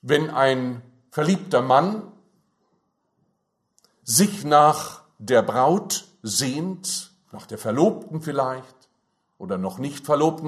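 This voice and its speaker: A man preaching a sermon, slow and emphatic, his fervor rising on key phrases. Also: fairly high pitch.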